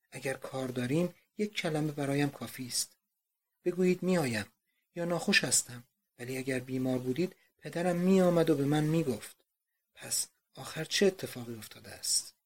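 A man's voice: on the high side, a little mellow, lightly acted. A man reading as an anxious young woman. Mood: anxious pleading. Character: young woman writing an anxious love letter.

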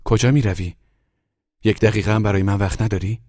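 A man reading a story aloud, voicing a shrill, furious young wife who makes a scene in front of guests, with loud, indignant outbursts. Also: fairly even intonation, no room sound, clean studio sound, close to an everyday voice. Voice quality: shrieking. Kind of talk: dramatic audiobook reading.

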